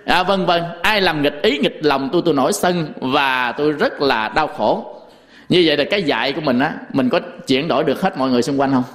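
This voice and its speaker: A man's voice: fairly high pitch, in a large hall. A man giving a Buddhist dharma talk in a folksy way, full of rhetorical questions and stories. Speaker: Buddhist monk teacher.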